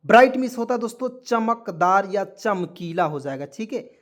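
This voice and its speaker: A man's voice: high voice, lively intonation, moderate pace. A man teaching English vocabulary. He spells every word out letter by letter, says it over several times and keeps quizzing his viewers in a patient classroom manner. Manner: spells words letter by letter and repeats them often; keeps asking questions of the viewers.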